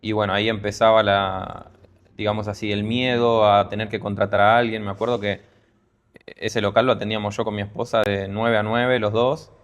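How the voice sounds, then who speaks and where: A man's voice: lowish voice, level tone, moderate pace. A Peruvian-born man with a Rioplatense Spanish accent, a guest telling his business story in a casual interview, full of fillers and restarts. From Peru. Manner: hesitant, many fillers and restarts. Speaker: guest entrepreneur.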